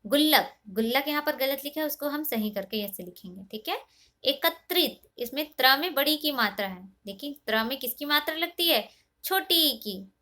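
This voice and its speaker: A woman teaching a class of small children in a lesson. Her voice is high and bright. She asks the class a question, answers it herself, and slips English words in as she goes. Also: lively intonation, normal speed. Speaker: primary school teacher.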